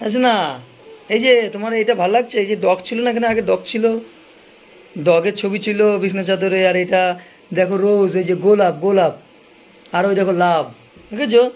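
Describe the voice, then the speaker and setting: A woman's voice: mid-range voice, steady tone, brisk, pauses often, a little mellow. A woman chatting playfully with her baby, cheerful and coaxing, repeating simple words. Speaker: mother showing her baby a bedsheet.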